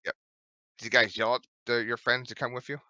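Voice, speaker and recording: A man running a tabletop game as dungeon master, narrating with frequent ums and pauses. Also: mid-range voice, little pitch movement, sharp tone, dry recording, highs cut off.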